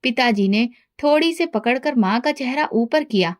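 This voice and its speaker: A woman with a high voice narrates a scripted family story. She reads in an even, measured manner, keeping a steady storytelling tone.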